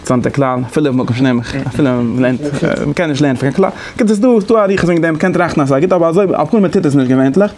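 A man's voice: on the high side, animated, quick pace, few pauses, crowd noise. A man giving a lecture, explaining conversationally and thinking aloud as he goes. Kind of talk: lecture on interpretation methods.

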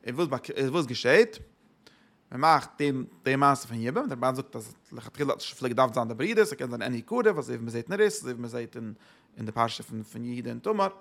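A man's voice: medium pitch, animated, fairly quick, creaky. A man giving a Torah lecture, asking rhetorical questions and answering them, with English words mixed in.

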